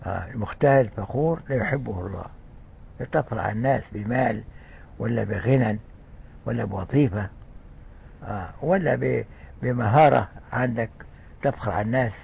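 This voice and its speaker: An older man with an Egyptian accent giving a conversational religious lesson, often pausing with fillers and restarting words. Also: medium pitch, vocal fry, slight background noise. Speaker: religious scholar. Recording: muffled lo-fi recording.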